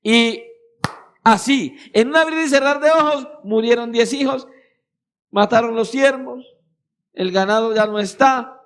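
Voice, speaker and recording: Man, Colombian accent, pastor, very high voice, emphatic sermon, rhetorical questions. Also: measured pace, pauses often, a bit bright, clear, resonant tone. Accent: Colombian Spanish. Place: church meeting hall.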